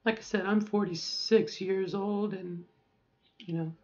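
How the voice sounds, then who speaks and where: A woman's voice: mid-range voice, fairly even intonation, unhurried, a little mellow, lo-fi sound. A woman in her forties talking casually to camera, rambling and correcting herself as she gives advice. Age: 40s. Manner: rambling, self-correcting, chatty. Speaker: vlogger.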